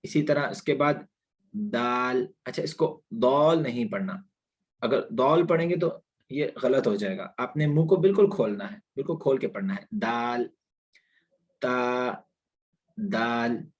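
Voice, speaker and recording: A man teaching a Quran pronunciation lesson online, patiently explaining and repeating letter sounds slowly for students to copy. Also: medium pitch, expressive, a little mellow, husky. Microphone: online class recording.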